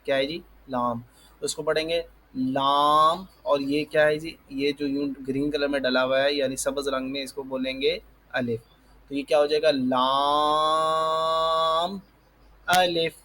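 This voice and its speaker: A man with a Pakistani Urdu accent, a Quran teacher giving a patient recorded lesson, explaining slowly and repeating each term to check understanding. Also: medium pitch, level tone, low-quality recording.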